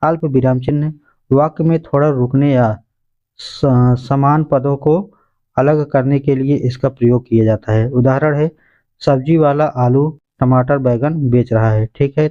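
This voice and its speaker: A man's voice: medium pitch, dull audio. A male teacher going through exam questions and answers point by point, calling his listeners friends. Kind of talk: exam revision lesson.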